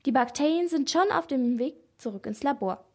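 Woman reading a stern older policeman, formal, firm, high voice, children's story. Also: expressive, normal speed, a little mellow. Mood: explaining.

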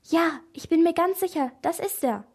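A woman voicing a nervous, excitable young girl who talks in an anxious, breathless way. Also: very high voice, moderate pace, pitched above the performer's own voice.

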